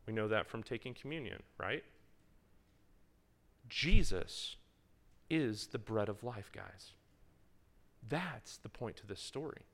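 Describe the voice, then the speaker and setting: A man's voice: on the low side, expressive, normal speed. A man leading a Bible study in front of a live group, talking conversationally and quizzing his listeners. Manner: reads scripture aloud with emphasis. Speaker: Bible teacher.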